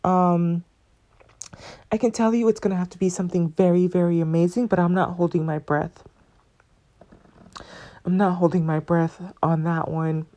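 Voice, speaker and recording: A woman hosting her own podcast, rambling playfully from one thought to the next. Her voice is low and mellow, with a relaxed, unhurried warmth. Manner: chatty, playful, rambling with fillers. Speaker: podcast host. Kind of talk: casual chat.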